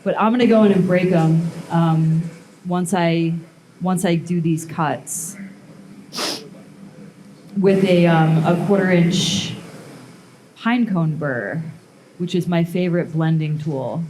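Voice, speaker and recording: Her voice is dark and on the low side, slow with long pauses, and there's slight background noise. She's a blacksmith giving a live metalworking demo to an audience, rambling casually with many "um" and "like" fillers. Crowd sounds echo around the space.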